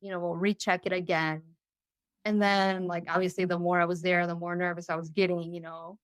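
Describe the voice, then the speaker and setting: A woman's voice: on the low side, flat delivery, fairly quick, smooth, no echo. A young woman telling her story as a guest, casual and chatty, full of "you know" and "like", acting out what others said. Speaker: interview guest.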